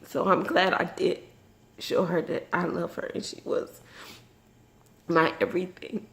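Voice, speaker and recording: Woman, tearful after crying, lowish creaky voice, halting and reflective, confessional vlog. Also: little pitch movement, fairly bright tone. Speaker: vlogger and mother. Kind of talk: personal, confessional vlog talk.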